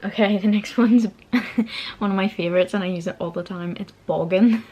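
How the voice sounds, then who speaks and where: With music playing behind her, a young adult vlogger with a Northern Irish Belfast accent chats casually about local words. She speaks at medium pitch and a moderate pace, a little giggly, informal and self-deprecating.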